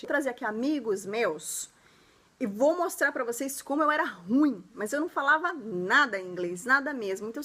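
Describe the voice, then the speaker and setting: A woman hosting a casual video lesson, chatty and encouraging, often tagging her sentences with a quick question. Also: high-pitched, pushed and bright. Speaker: English teacher and channel host.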